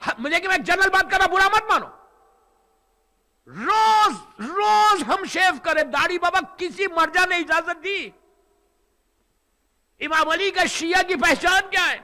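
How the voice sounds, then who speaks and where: A man preaching a sermon, emphatic and rising to shouts, with English phrases mixed in. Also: very high-pitched, long pauses. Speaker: Islamic preacher. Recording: long hall reverb.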